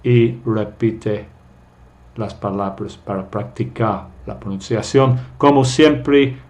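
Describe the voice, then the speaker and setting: A man teaching English vocabulary to Spanish speakers, saying each English word slowly and then giving its Spanish meaning. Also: medium pitch, a little mellow.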